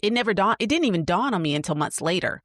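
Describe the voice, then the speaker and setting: A woman hosts a casual advice podcast, telling personal stories in a chatty, filler-heavy monologue. Her medium-pitched voice is animated and quick. The studio sound is clean, with no room sound.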